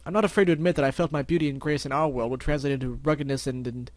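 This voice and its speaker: A man's voice: medium pitch, fairly even intonation, rapid-fire, no room sound, natural voice. A man voicing a refined, dramatic female pony dressmaker in a storybook reading, flowery and theatrical, with a stuffy nose. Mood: flustered, defensive. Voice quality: stuffy-nosed.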